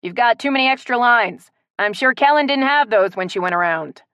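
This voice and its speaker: A woman's voice: fairly high pitch, expressive, brisk, fairly bright tone, dry recording, voice pushed up. A woman voicing a wry, joking man who explains and mock-announces.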